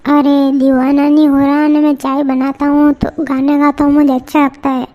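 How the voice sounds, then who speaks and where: A woman voicing a rustic, quick-tempered village tea-stall man with a Malwi accent, bantering bluntly in a cartoon. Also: high voice, monotone, lo-fi sound, natural voice. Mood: gruff.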